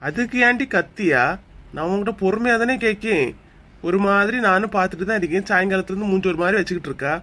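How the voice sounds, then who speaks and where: A performer voicing an easygoing, teasing village husband in a cartoon comedy, calm and mildly mocking, with a Kanyakumari Tamil accent. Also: male voice, sits high, quick pace. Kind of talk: comic cartoon dialogue.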